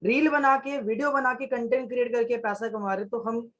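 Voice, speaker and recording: A man's voice: very high voice, fairly even intonation, fairly quick, a bit bright. A man speaking on a webinar panel in mixed Hindi and English, with some hesitant fillers. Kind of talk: panel talk.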